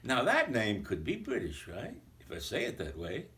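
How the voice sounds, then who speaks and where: A jolly old Santa Claus, played by a man, chatting in a rambling, playful way to a school full of children. His lowish voice swings up and down with plenty of life. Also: wildly swooping pitch, moderate pace, pushed and bright, full character voice. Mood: cheerful. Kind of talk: recorded video greeting to a school.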